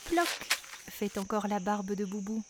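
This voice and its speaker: A woman narrating a children's story in a lively, expressive way. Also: mid-range voice, a little slow, a little hiss or hum.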